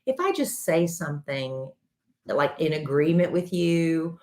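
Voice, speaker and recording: In an unhurried, reverberant voice, a woman in her fifties co-hosts a podcast alongside her husband in casual spousal chat. She's an animated storyteller whose pitch climbs whenever she turns indignant.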